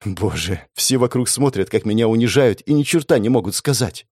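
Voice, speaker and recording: A man's voice: mid-range voice, lively intonation, brisk, a little mellow, breathy edge, no echo, clean studio sound. A man voicing a humiliated young office worker, a woman near tears who talks in a trembling, choked way. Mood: tearful. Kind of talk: audiobook character voice.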